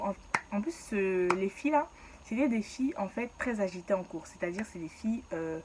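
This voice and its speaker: A young woman with a foreign accent in French, telling her own story in a lively, casual vlog style with quick asides. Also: medium pitch, slight background noise, poor audio. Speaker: vlogger.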